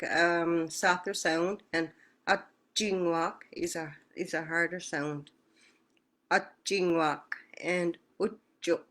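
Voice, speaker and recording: Slow, patient woman teaching a language. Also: lowish voice, a bit bright. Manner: patient, repeats words slowly, answers questions. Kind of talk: online language lesson.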